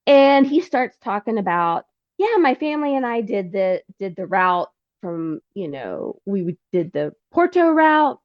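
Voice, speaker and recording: A woman guest telling her story in a casual, animated way, acting out conversations with laughter. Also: mid-range voice, measured pace, no echo, dull audio. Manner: animated, acts out dialogue with laughs. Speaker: podcast guest, pilgrim.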